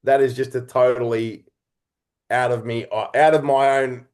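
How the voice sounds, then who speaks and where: Here the same kind of creative interview guest, thoughtful and expressive, speaks in a mid-range voice at a moderate pace. His storytelling is conversational and comes out in broken phrases.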